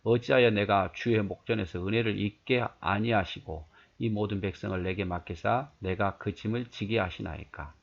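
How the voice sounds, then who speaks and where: A man's voice: fairly low pitch, normal speed, vocal fry, few pauses, lo-fi sound. A man pastor preaching a conversational sermon, reading scripture and asking his listeners rhetorical questions.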